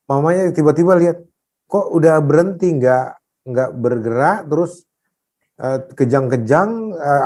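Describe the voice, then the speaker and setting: A pastor telling a dramatic personal testimony in an interview, animated, rising at times to loud prayer. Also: male voice, a little high.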